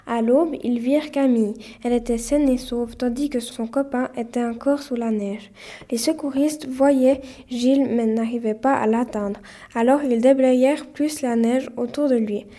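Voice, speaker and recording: Narrator: woman, high, mellow voice, steady story reading. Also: normal speed. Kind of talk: read-aloud storytelling.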